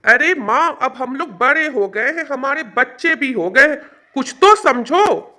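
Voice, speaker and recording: A fed-up grown son in an animated story, talking in an exasperated, demanding way. The voice is high and bright for a man. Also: a little slow, heavily acted.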